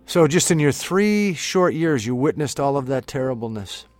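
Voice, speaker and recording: A man's voice: medium pitch, lively intonation, normal speed, a little mellow, no room sound, soft background music. A man interviewing a guest over the phone, hesitant and sympathetic, stammering as he restarts.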